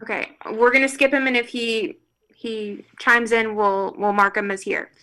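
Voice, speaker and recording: A woman on a video call reading out a roll of names slowly and carefully, with apologetic asides. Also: on the high side, steady tone, sharp tone. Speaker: meeting roll-call reader.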